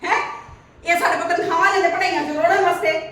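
A scornful, sneering rich lady, played by a woman in a homemade drama. Her voice is very high and heard from a distance. She sits in a hollow, echoey room. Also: fairly even intonation, fast, fairly bright tone. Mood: mocking. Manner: taunting, sneering, laughing mockingly. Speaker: actor in a short family drama.

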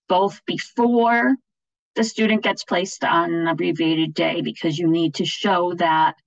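An online video-call webinar features a woman with a lowish voice instructing education officials from slides, casual and explanatory, often checking in with her audience. The audio has no room sound and comes across dull.

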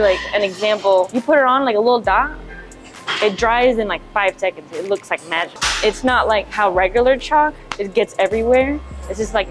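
A young woman powerlifter chatting casually in a gym, rambling with lots of filler words, on a lapel mic. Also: medium pitch. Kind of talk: casual vlog chat. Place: indoor gym. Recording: background music under the voice.

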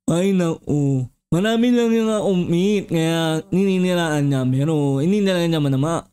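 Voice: medium pitch, moderate pace, dark tone, clear, resonant tone, voice pushed down, lightly acted. A YouTuber voicing a grumpy giant talking bee whose speech comes out garbled and mumbled in a Minecraft role-play. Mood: grumbling.

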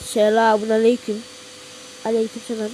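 A woman acting out a homemade toy-figure drama, jumping between squeaky and low voices with frequent gasps. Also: monotone, moderate pace, warm tone, slight background noise, poor audio. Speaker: amateur storyteller voicing all the characters.

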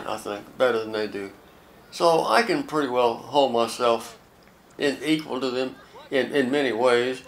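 A very old American man in his late eighties, talking reflectively in an interview, halting and repeating words as he goes. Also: medium pitch, slight background noise. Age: late 80s. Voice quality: very old man's voice. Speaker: volunteer youth tennis coach.

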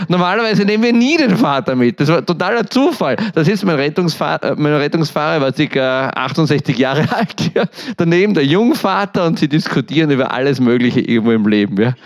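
Animated Austrian man telling a story. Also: on the high side. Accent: Austrian German. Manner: lively, acts out voices and panic, laughs often. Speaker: church speaker. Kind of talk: storytelling sermon.

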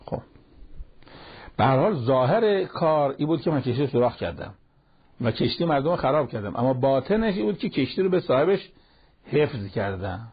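Man, Quran teacher, storytelling lesson, gravelly, raspy, dull lo-fi broadcast sound. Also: mid-range voice, sing-song. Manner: retells a story in plain colloquial speech, acting out the dialogue. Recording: lo-fi television broadcast audio.

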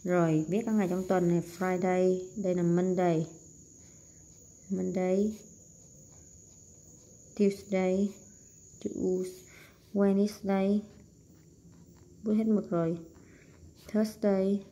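A woman's voice: on the low side, level tone, dark tone. A woman teaching an English lesson, walking through exercises and thinking aloud with frequent fillers as she writes. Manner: thinks aloud with many fillers, speeding and slowing. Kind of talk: casual lesson walkthrough while writing.

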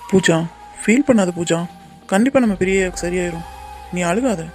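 A man's voice: sits high, normal speed, darkish tone, faint music behind, lightly acted. A man voicing an earnest young comforter. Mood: comforting. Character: young man Ravi, loyal family helper, comforting. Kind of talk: cartoon drama voice acting.

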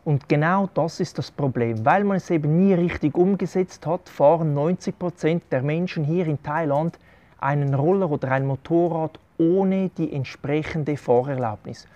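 Swiss-accented man, fairly high voice. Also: moderate pace, mellow, muffled recording. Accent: Swiss German. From Switzerland. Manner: earnest, explains step by step to viewers. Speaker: travel vlogger giving advice. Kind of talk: explanatory talk to camera. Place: covered outdoor terrace by a garden. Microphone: clip-on lapel mic.

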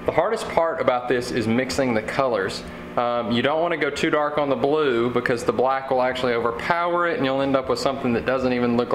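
Young guy chatting thru a diy job in his garage, roomy echo, noisy background. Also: mid-range voice. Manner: relaxed, chatty, thinking aloud with fillers. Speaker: fishing channel host. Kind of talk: casual how-to vlog. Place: home garage workshop. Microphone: camera mic. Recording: echoey garage with background noise.

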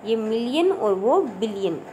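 A woman's voice: fairly high pitch, expressive, a little slow, dark tone, a little hiss or hum, rough recording. A woman teaching a school math lesson with a Haryanvi Hindi accent, talking patiently and repeating numbers with frequent "okay" checks. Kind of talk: classroom math lesson in Hindi-English mix.

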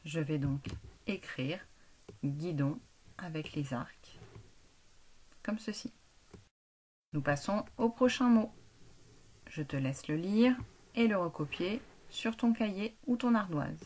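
A woman teacher giving a phonics lesson to a young child, speaking slowly and clearly and guiding each step. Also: fairly low pitch, animated, a little mellow.

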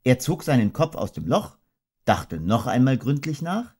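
A man narrating a children's audiobook in a gentle, measured storytelling manner. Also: mid-range voice, very animated, breathy edge. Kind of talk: scripted children's book narration.

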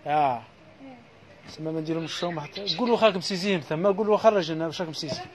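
Man, Algerian accent, shop seller, very fast patter, slightly high voice, repetitive sales pitch. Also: a crowd in the background. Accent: Algerian Arabic. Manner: rapid patter, repeating blessings and prices. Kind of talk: live product sales pitch.

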